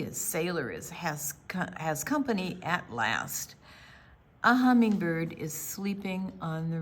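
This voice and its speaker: With a lowish, fairly bright voice, an older woman leads storytime, reading a picture book to kids. She uses deliberate storyteller phrasing and dramatic pauses.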